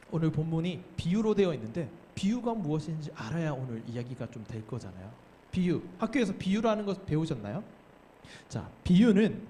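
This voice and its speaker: A man's voice: fairly high pitch, dark tone, slight background noise. A young man preaching a sermon to a youth group, explaining with questions to the listeners and acting out the quoted speakers. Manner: acts out the quoted voices of master and servants. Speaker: youth pastor.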